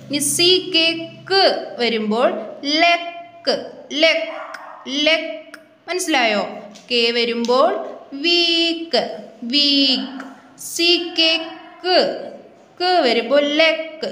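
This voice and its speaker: A woman, teaching young pupils in a recorded online English class and drilling each word slowly, twice over. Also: high-pitched, lively intonation, pushed and bright. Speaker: primary school English teacher. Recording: echoey room.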